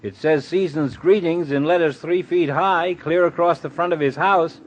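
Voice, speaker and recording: An actor playing a wisecracking middle-aged family doctor in a 1950s radio comedy, dry and mocking. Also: male voice, fairly high pitch, normal speed, close to an everyday voice. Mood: sardonic. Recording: dull, band-limited 1950s radio recording.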